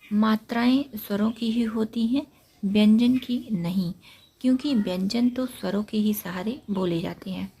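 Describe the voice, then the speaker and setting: A woman teaching an exam-prep grammar lesson, explaining point by point and repeating key facts, with trailing syllables that drop to a breathy near-whisper. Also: medium pitch, a little slow, mellow. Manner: repetitive, explains points step by step.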